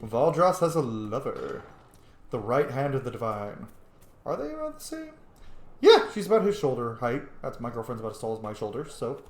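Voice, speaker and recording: A young gaming streamer chats with exuberant enthusiasm about the game he's playing, his mid-range voice sing-song at a moderate pace. The room is echoey, with faint game music behind him.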